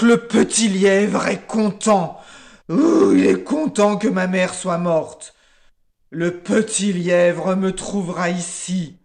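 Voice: gravelly, a little mellow. A storyteller voicing a furious lion king who barks out commands. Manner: booming, growling commands.

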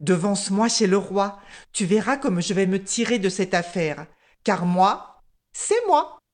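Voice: medium pitch, animated, unhurried, lightly acted. A storyteller voicing a clever little hare who chants slyly to a drumbeat. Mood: cocky.

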